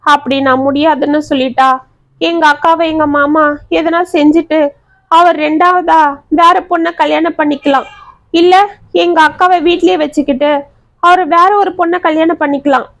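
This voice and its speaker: A woman's voice: sits high, fairly even intonation, moderate pace, fairly bright tone, pitched above the performer's own voice. A woman voicing a distressed young village woman who speaks in earnest, tearful colloquial talk. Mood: despairing. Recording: dry, slightly dull audio.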